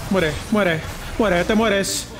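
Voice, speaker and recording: A man with a Mexican Spanish accent giving live gameplay commentary, excitable, repeating words in quick runs, swearing often and dropping in English words. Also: high-pitched, over music. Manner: excitable, rapid repetitions, frequent swearing, mixes in English words. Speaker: gamer streamer.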